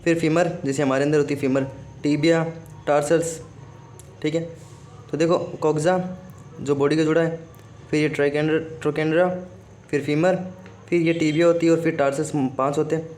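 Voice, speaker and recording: A man's voice: fairly high pitch, flat delivery, fairly quick, long pauses, darkish tone, slight background noise. A man teaching a biology lesson for exam prep, who keeps repeating "okay" and asks himself questions before answering them.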